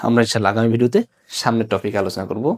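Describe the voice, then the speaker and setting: A man's voice: fairly low pitch, steady tone, racing, a little mellow. A man teaching an online grammar lesson, explaining step by step and asking and answering his own questions. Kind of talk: recorded video lesson.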